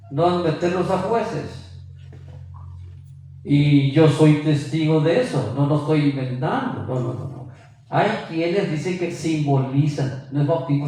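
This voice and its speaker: A man's voice: on the high side, darkish tone, recorded from a distance. A man preaching a sermon with emphasis, quizzing his listeners with rhetorical questions. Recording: very echoey room, voice from afar.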